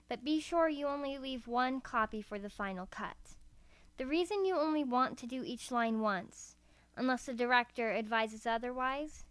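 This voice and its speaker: With no room sound, a woman speaks in a slightly high voice into a USB karaoke microphone. She narrates a scripted voice acting tutorial, going step by step in a careful manner.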